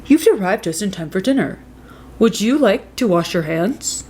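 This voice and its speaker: A woman's voice: medium pitch, expressive, moderate pace, a little mellow, a little hiss or hum, natural voice. A woman doing a patient, playful dad.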